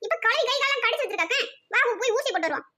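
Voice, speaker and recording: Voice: very high-pitched, expressive, rapid-fire. A performer doing a scolding village mother. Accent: Tirunelveli Tamil. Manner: scolding, quarrelsome. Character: sharp-tongued village mother. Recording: loud background noise.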